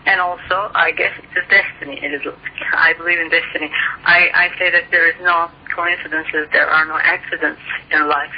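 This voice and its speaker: In a phone interview with a muffled sound and faint hiss, a woman from Turkey with a Turkish accent, a native Turkish speaker, earnestly explains her work as a guest author and ufologist. She speaks at normal speed in a steady tone, her voice on the low side.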